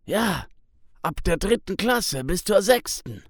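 A man voicing a troubled father who recalls a harsh childhood at school, with a halting, emotional delivery. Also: sits high, big pitch swings, gravelly, no echo, pitched above the performer's own voice, exaggerated voice. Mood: pained. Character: troubled adult father haunted by school beatings.

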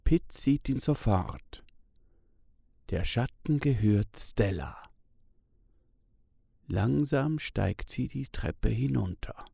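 A man narrating a children's story in a slow, expressive reading. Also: mid-range voice, vocal fry, slightly rough, no room sound, studio quality.

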